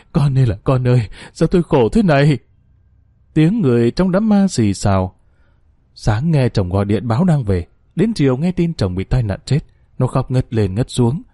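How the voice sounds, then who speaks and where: A man's voice: mid-range voice, mellow, no room sound, clean studio sound. A man narrating a ghost story in a scripted reading, giving the characters small acted shifts.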